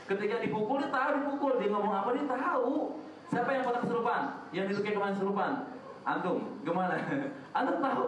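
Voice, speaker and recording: High-voiced preacher in an echoey room. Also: male voice, background noise. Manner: joking, asks the audience questions. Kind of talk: casual religious lecture. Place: prayer room. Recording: echoey room from a distant mic.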